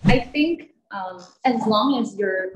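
A young woman speaks calmly into a handheld mic, laying out reasoned advice at a press panel. Her voice is mid-pitched, and the sound carries a noticeable roomy echo. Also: takes it slowly. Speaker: singer at press conference. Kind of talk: press conference answer. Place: indoor press event, panel at a table.

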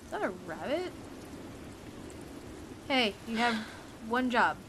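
A woman's voice: on the high side, very animated, slow pace, background noise. A woman streaming a game live, chatting casually and sarcastically, swearing now and then and rambling.

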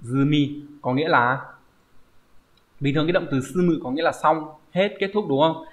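A man's voice: on the high side, normal speed. A man teaching a Japanese vocabulary lesson online, explaining step by step and often checking with "right?". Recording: dull lo-fi recording.

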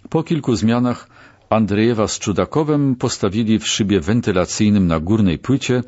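A man reads a literary audiobook in a low voice with lively, varied intonation. His delivery is measured and expressive. The recording sounds dull and lo-fi. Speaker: audiobook narrator.

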